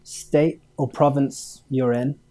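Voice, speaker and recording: Slow and warm, with medium pitch and a steady tone, a Hong Kong-born man talks as a guest on a podcast about running his game studio in casual interview style. He rambles, with many fillers and chuckles breaking up his sentences.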